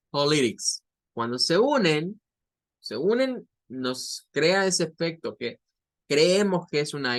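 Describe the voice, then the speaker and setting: A man teaching English pronunciation in Spanish, repeating each example word slowly and deliberately. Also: on the high side, fairly bright tone. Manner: slow, deliberate, repeats example words drawn out. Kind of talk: online pronunciation lesson.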